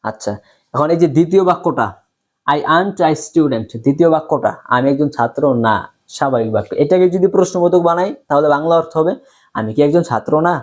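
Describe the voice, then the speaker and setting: A man teaching an English lesson in a slightly higher voice, going over each point patiently and repeating it. He says the example sentences very slowly and keeps checking that his students follow. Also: animated, a little mellow. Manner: slow, repetitive explaining with frequent check-ins.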